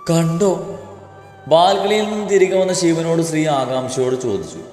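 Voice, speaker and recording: A man reading a novel aloud as a storyteller, in steady, even narration. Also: on the high side, quick pace. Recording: echoey room with long reverb, faint music.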